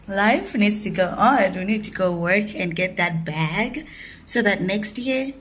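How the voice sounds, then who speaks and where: A woman's voice: medium pitch, expressive, slow pace, husky. A young woman with a Southern African accent chatting informally for a casual vlog in a small room. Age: young adult. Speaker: vlogger. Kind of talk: casual vlog chat, mixing in Bantu-language words. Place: small hotel room, indoors. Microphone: phone at arm's length. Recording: noisy handheld phone recording.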